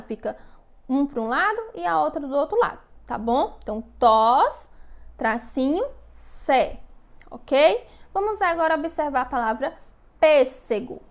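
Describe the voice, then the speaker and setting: A woman teacher giving a recorded lesson to young children, speaking patiently, stretching out syllables and often checking in with her listeners. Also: high voice. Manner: slow, patient, drawn-out syllables with frequent check-in questions.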